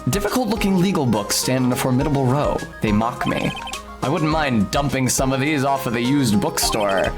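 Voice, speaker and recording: Guy doing a game playthrough, reads it out all animated, joking asides, music going behind him. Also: medium pitch, moderate pace. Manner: wry, playful. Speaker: gamer reading a video game aloud.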